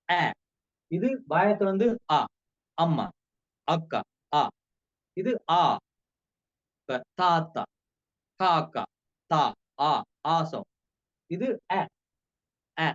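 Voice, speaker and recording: A man with a Sri Lankan Tamil accent giving a casual spoken language lesson, repeating words slowly for drill. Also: on the high side, lo-fi sound. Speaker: language teacher.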